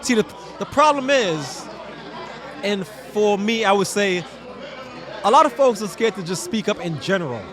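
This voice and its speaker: A guest DJ from Trinidad talks in a casual outdoor interview, animated and streetwise, repeatedly saying "you know what I mean." His voice is high and he speaks at a normal speed, with a faint crowd behind him.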